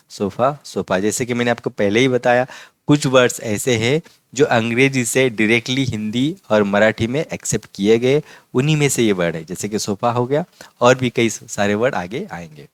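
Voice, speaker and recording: A man teaching a vocabulary lesson, patiently repeating each word slowly. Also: medium pitch, dry recording. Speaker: language teacher.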